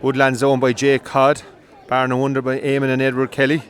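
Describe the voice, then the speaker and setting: A man giving live commentary on greyhound coursing from an outdoor field, brisk and rising with excitement during the runs. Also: mid-range voice. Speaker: race commentator.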